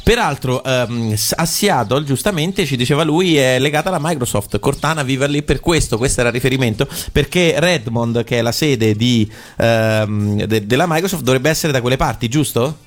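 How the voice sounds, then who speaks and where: A man's voice: mid-range voice, moderate pace, hardly any pauses. A man hosting a casual radio interview, talking in wordy, repetitive banter. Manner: wordy, repeats phrases. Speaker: radio host.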